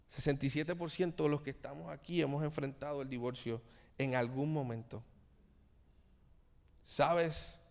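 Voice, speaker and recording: Cuban-born guy preaching in church, earnest, talks right to you, gravelly voice, long hall echo. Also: medium pitch. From Cuba. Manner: earnest, addresses listeners directly. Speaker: pastor. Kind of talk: sermon.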